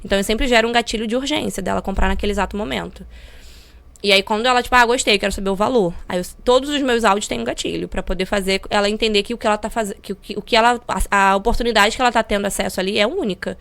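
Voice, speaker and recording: A woman's voice: medium pitch, racing, creaky. A young woman talks at a breakneck pace, pushing her points with energy and conviction. She speaks as a podcast guest explaining how she sells. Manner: energetic and persuasive. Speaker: podcast guest, digital marketing affiliate. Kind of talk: podcast interview.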